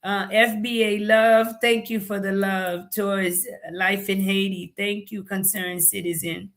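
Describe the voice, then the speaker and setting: Woman host on a live stream, talks real slow and steady, reads out the super chats. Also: mid-range voice. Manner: measured, reads out viewer comments and thanks. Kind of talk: live-stream talk show.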